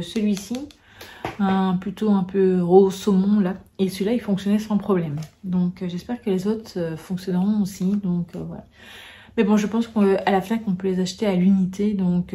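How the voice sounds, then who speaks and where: A woman's voice: mid-range voice, dark tone. A French woman vlogging in a casual chat to camera, rambling and full of fillers and restarts. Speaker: book vlogger.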